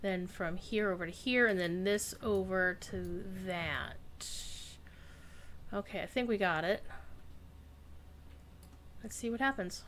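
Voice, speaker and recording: Bright-voiced chatty woman gamer. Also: mid-range voice, slow pace, long pauses, slight background noise. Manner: chatty, thinking aloud, playful exclamations. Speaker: gamer, streamer. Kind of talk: casual gameplay commentary.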